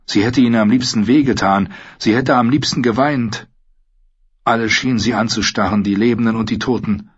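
A man narrating an audiobook in a steady, measured reading. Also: medium pitch, breathy edge, dry recording. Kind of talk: scripted narration. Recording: dull lo-fi sound.

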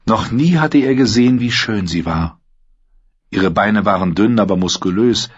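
A man reading an audiobook in a steady, measured narration, on a dull lo-fi recording. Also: lowish voice, breathy edge.

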